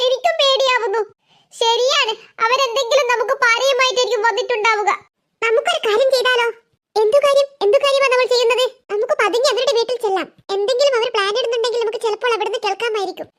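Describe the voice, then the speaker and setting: A woman voice-acting children in a cartoon, talking in a childlike way with stammers and quick back-and-forth. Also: extremely high pitch, fairly even intonation, a bit bright. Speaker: cartoon voice artist.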